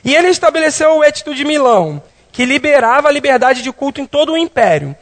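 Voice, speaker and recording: Man, very high pitch, Bible class teacher, conversational, quizzes listeners. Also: sing-song, quick pace, fairly bright tone. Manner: conversational, asks the class questions.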